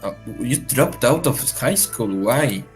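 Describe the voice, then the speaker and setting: A man's voice: mid-range voice, expressive, takes it slowly, faint music behind. A young man from Argentina whose first language is Spanish, guesting on a podcast in casual chat, joking crudely and laughing often.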